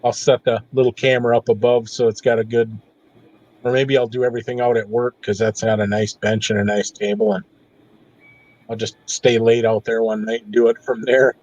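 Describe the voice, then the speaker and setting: A man's voice: medium pitch, level tone, fairly quick, a little mellow, dry recording. Easygoing man on a muffled call line. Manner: easygoing, folksy. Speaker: regular viewer on call. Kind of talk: casual chat.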